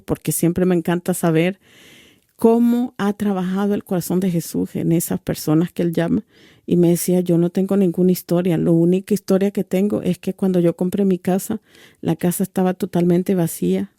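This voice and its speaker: A woman from El Salvador recounts her religious testimony with earnest conviction. Her voice is deep and mellow and stays on an even, unvarying line. The sound is close and dry, with no room around it. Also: no echo. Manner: earnest storyteller who acts out quoted dialogue.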